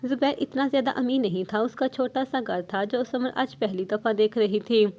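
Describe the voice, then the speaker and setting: Woman narrating a novel, slightly high voice. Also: darkish tone. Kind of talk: reading an Urdu novel aloud.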